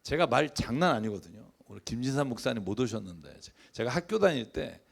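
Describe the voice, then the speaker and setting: A man's voice: medium pitch, big pitch swings, fast talker, gravelly, slightly rough. A male pastor preaching a conversational sermon who acts out family conversations as he goes.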